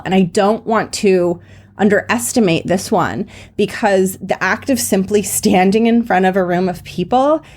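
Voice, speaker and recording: A woman hosting a solo podcast, teaching in an earnest, reassuring way, peppering her talk with "like" and "right?" and laughing at herself. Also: mid-range voice. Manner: earnest, reassuring, many "like" fillers and "right?" tags. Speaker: podcast host and confidence coach.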